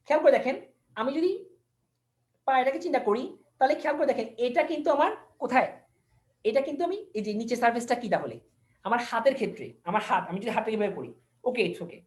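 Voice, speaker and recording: This anatomy lecturer speaks fast and animatedly, her voice on the high side and a little mellow. Teaching online, she drops into another language for technical terms, says key words more than once, and tests her students with questions.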